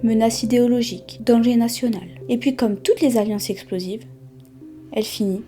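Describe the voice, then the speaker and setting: Dramatic woman narrator, dark and low-toned. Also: steady tone, normal speed. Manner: punchy, dramatic short phrases. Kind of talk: scripted documentary narration. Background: soft background music.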